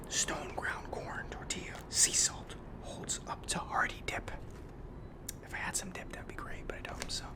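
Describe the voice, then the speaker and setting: In an ASMR roleplay, a man plays a friendly, awkward barber who is down on his luck and on the run, rambling haltingly. He uses a breathy whisper with some fry, and his natural voice also comes through.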